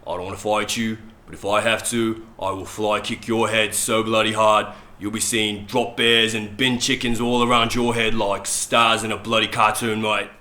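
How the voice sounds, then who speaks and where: A man's voice: fairly low pitch, little pitch movement, normal speed, few pauses, pushed and bright, pitched below the performer's own voice. A man doing a tough Aussie bloke. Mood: threatening. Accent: put-on Australian. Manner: blunt slangy threats. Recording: roomy echoing room.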